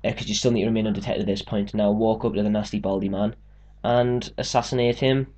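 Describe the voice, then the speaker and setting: A man's voice: fairly low pitch, steady tone, quick pace, warm tone. A young man casually talking through a game walkthrough, explaining steps and joking around. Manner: chatty, joking, explains step by step. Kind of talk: casual gameplay commentary.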